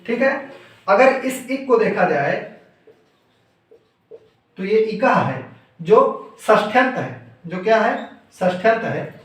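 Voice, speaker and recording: A man's voice: high-pitched, big pitch swings, slow pace, pauses often. A man teaching Sanskrit grammar step by step, asking questions and answering them himself, repeating the key terms. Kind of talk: explaining grammar rules step by step. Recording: echoey room, voice from some distance off the mic, faint noise.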